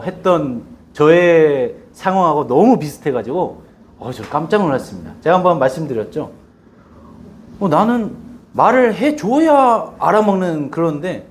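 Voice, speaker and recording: A man's voice: a little high, slight background noise. A male pastor preaching a sermon in a church, telling stories animatedly and acting out quotes. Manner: animated storytelling with acted quotes.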